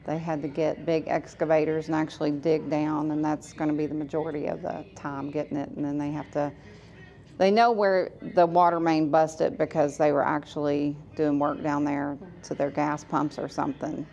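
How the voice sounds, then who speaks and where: The recording is muffled as a laundromat owner, speaking from one of her laundromats, explains things step by step in a casual vlog. Her voice is deep and dark, with a level tone and moderate pace, and her manner is chatty.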